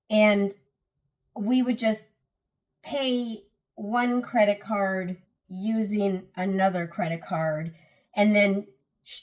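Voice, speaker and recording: A woman vlogger talking casually about getting out of debt. She is earnest, often restarts and repeats phrases for emphasis, and sounds a little tired. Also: medium pitch. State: tired, yawning. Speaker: personal finance vlogger. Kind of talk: casual talk to camera.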